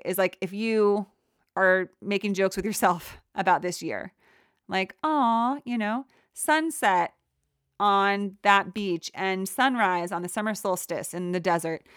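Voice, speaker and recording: Gentle, encouraging woman podcaster. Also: mid-range voice, no room sound, clean studio sound. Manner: gentle, encouraging, rambling with many fillers. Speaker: podcast host. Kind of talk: reflective solo podcast talk.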